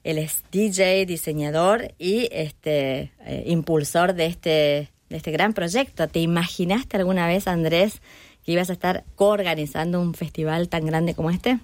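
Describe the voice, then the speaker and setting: Female radio host, measured delivery, low voice, dry studio sound. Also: no room sound. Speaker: podcast host. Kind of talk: radio podcast interview.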